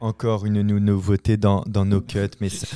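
A man's voice: fairly low pitch, monotone, moderate pace, over loud music. A man hosting a comedy podcast in casual chat, playful and sometimes stumbling over his phrasing, sounding tired. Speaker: podcast host.

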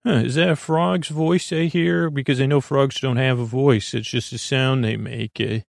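Rambling through a bedtime monologue on his sleep podcast, a middle-aged man follows tangents and keeps interrupting himself with uhs and restarts. His creaky, mid-range voice has fairly even intonation at normal speed, recorded dry at studio quality.

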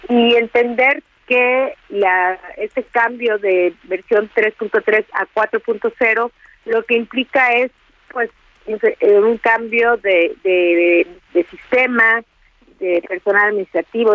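A woman, a tax expert answering interview questions in a measured, technical way with many fillers. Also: mid-range voice, no echo, muffled recording. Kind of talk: explanatory radio interview answers.

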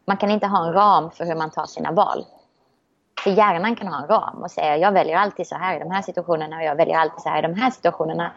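A woman talking in a relaxed, reflective way, a little hesitant with frequent restarts. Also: fairly low pitch, vocal fry, muffled recording. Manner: reflective and optimistic, many restarts. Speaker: guest. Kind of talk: casual conversation.

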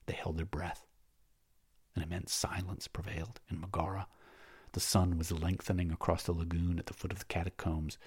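Deep husky male narrator. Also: level tone, moderate pace, a little mellow. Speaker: audiobook narrator. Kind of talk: scripted narration.

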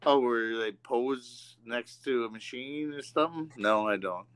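A man's voice: mid-range voice, measured pace, fairly bright tone, clean tone, no room sound. A man co-hosting a casual movie podcast, joking, profane and self-mocking. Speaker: podcast co-host.

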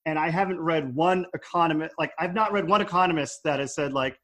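Male podcast host, fairly high voice, casual and filler-heavy, reads headlines in between. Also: a little fast, fairly bright tone. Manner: chatty, many fillers, reads news aloud. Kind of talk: casual motorcycle news chat.

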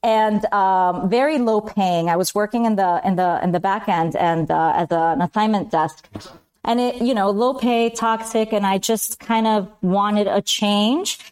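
Woman, 40s; chatty guest, smooth clear voice, mid pitch. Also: a little slow. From Colombia, raised in Miami. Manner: chatty, warm storyteller, switches into Spanish phrases. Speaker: podcast guest. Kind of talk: casual interview chat.

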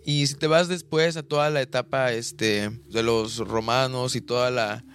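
A man's voice: mid-range voice, fairly even intonation, measured pace, fairly bright tone, faint music behind. Hesitant young man chatting casually. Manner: hesitant, many restarts and fillers. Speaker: podcast co-host. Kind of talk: casual chat.

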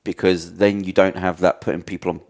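A man's voice: deep voice, flat delivery, a little fast, a little mellow. A man hosting a podcast, musing his way through hesitant questions to his guest. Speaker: podcast host. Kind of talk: casual interview chat.

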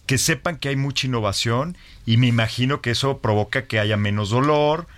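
A man's voice: mid-range voice, fairly quick, a bit bright. A man, co-hosting a talk show in a playful, casual way. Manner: playful, backchanneling. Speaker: co-host. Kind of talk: casual chat.

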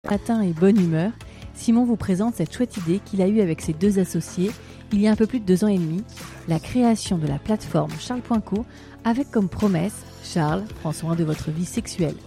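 A woman's voice: medium pitch, brisk, mellow, soft background music. A woman hosting a podcast, presenting and asking questions in conversation. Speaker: podcast host. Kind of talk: scripted podcast introduction and casual interviewing.

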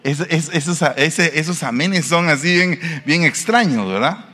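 A man's voice: fairly high pitch, lively intonation, a little slow, bright, forceful tone. A male pastor, preaching a sermon and putting questions to the congregation. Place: church. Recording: reverberant church hall.

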